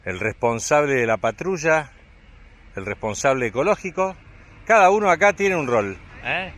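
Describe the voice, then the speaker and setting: Fairly high-pitched, expressive and a bit bright, the man talks at a moderate pace. He's from Argentina, speaks with an Argentine accent, and narrates a cheerful, talkative travel vlog of a family walk along a rural trail, urging his young son on as a father.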